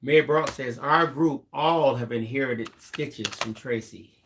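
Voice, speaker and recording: A man co-hosting a live craft stream, reading viewer comments aloud with relaxed, joking asides. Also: medium pitch, measured pace, slight background noise. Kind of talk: live stream co-host chat.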